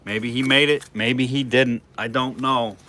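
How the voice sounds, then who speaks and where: Male livestream auctioneer, bright forward tone, loose chatty delivery with quick bid calls. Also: medium pitch, fairly even intonation, slight background noise. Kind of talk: casual live auction chat.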